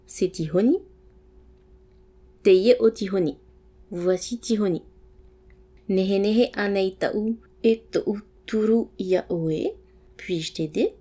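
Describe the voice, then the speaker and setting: Warm and medium-pitched, a woman teaches a casual language lesson, reading word lists aloud and giving a French gloss for each item. She pauses between entries, uses frequent fillers, and stays friendly and encouraging throughout.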